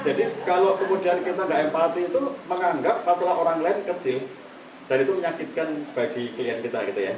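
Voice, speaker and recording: A middle-aged man giving a live workshop on counseling to an audience. He talks in a lively way and acts out examples in quoted voices. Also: fairly high pitch, fast, a crowd in the background, noisy background. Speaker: counseling trainer. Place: meeting room with a live audience. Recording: echoey room from far off, faint ambience.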